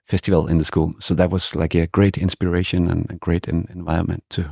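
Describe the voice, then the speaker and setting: Danish male musician, deep voice, casual interview guest, halting delivery, dry close sound. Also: flat delivery, gravelly, dark tone, no room sound. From Denmark. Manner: hesitant, with many restarts.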